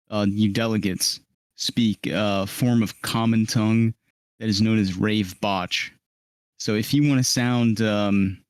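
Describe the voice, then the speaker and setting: Brief: low-voiced man running a live tabletop game, steady directions, dry close sound. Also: clean tone, no echo. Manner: calm, directive, frequent ums. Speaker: game master. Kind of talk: briefing players for a live tabletop role-play. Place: live stream.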